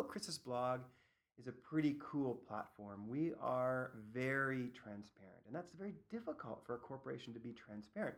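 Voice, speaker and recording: Brief: Canadian man, product manager being interviewed, lively storyteller, middle pitch. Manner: animated storyteller, acts out other people's lines. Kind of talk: interview answers.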